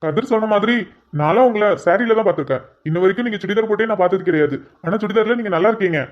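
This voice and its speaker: A woman's voice: medium pitch, rapid-fire, dull audio, close to an everyday voice. A woman voicing a cheeky, chatty young male friend in a cartoon drama. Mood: cheerful. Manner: teasing, chatty.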